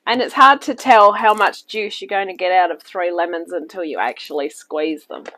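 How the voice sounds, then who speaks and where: A woman's voice: on the low side, moderate pace, pushed and bright, low-quality recording. A woman hosting a home cooking show, talking viewers through a recipe step by step in a chatty, reassuring way, still a little weak from illness and coughing now and then, recorded at a kitchen table. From New Zealand. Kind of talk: casual cooking demonstration.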